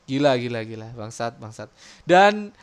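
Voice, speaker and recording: A man's voice: on the high side, normal speed, clear, resonant tone. A man hosting a casual podcast. He reads comic panels aloud, gets worked up and swears a lot. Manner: excitable, swears often, slips into dramatic readings. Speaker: podcast host.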